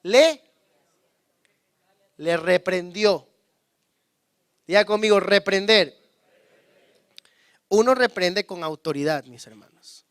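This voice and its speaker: High-voiced preaching man, dry sound. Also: lively intonation, slow, long pauses, clear, resonant tone, dry recording. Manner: calls on the congregation to repeat words; swings between loud emphasis and hushed low asides. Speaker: pastor. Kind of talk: sermon.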